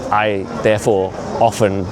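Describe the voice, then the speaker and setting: A man in his fifties records a casual walking vlog on a city street, speaking in a low, flat, slightly slow voice. He's earnest and opinionated, chatting conversationally with frequent asides. Traffic and urban street noise come through clearly behind him.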